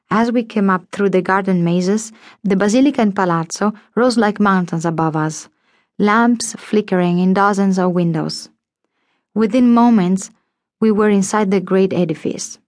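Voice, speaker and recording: A woman narrates a first-person audiobook in a measured, intimate way, speaking as if to her own child. Her voice sits at an ordinary middle pitch. The recording is close and dry, with no room sound. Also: no echo.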